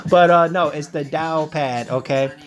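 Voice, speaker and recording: A man hosting a crypto video, walking viewers through websites on screen in a self-assured, lecturing way, often saying "ladies and gentlemen" and "okay?". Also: a little high, a little slow. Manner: self-assured, calls himself the sensei. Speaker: crypto channel host. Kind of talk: screen-share crypto commentary.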